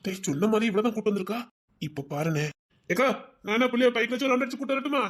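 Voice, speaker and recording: A woman's voice: a little high, fast, close to an everyday voice. A woman voicing an anxious young village man who fusses over a crying baby, with a Tirunelveli Tamil accent. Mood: fussing. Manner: anxious, fussing. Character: fussing young village man, worried and busy. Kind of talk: Tamil serial drama dialogue.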